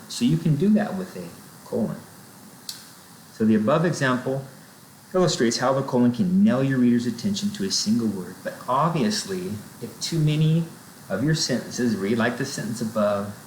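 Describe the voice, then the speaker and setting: A writing instructor explains sentence structure in a recorded lecture, his voice lowish and somewhat dark. He checks in with "right?" and "okay?" as he goes, against a roomy echo and faint noise.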